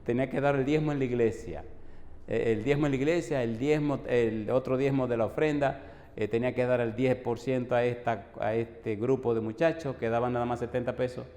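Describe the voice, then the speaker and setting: A man's voice: medium pitch, fairly quick. A male pastor, telling a personal story in a sermon and acting out the dialogue. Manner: animated storyteller, acts out the dialogue. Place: church hall. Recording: long echo of a church hall.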